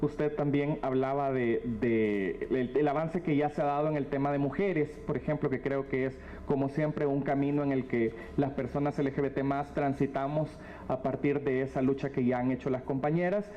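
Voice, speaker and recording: A man from El Salvador with a Salvadoran accent making a measured public comment at a forum, with frequent hesitations. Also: medium pitch, fairly even intonation. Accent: Salvadoran Spanish. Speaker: audience member, former candidate. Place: legislative hall forum. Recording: dull lo-fi sound.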